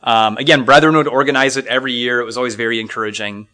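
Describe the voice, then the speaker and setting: A man's voice: mid-range voice, steady tone, very fast, sharp tone. A middle-aged man from Minnesota teaching a Bible lesson in an earnest, reflective way, with fillers and restarts.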